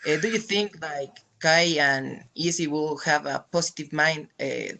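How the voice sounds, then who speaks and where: A male journalist with a slightly high, bright voice that creaks noticeably. He puts questions to an athlete as a press-conference interviewer. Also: a little slow. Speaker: sports journalist asking questions.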